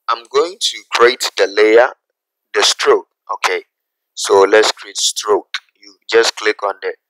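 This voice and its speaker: A man teaching a graphic design software tutorial, talking through each step slowly and checking in with "okay?" as he goes. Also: on the low side, no room sound, rough recording. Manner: unhurried, repeats steps, asks "okay?" often. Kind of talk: screen-recorded software tutorial.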